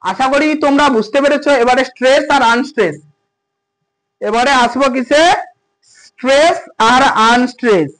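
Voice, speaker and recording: A man's voice: very high-pitched, moderate pace, pauses often, fairly bright tone, low-quality recording. A man teaching a grammar lesson, repeating points and checking understanding with questions. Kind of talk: grammar lesson explaining to students.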